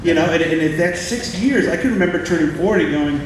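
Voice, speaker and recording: A man's voice: fairly high pitch, fairly quick. A man in his forties hosting a live onstage interview, talking in a rambling way with many restarts. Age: 40s. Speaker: host. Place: live event stage. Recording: echoey live room from far off with noise.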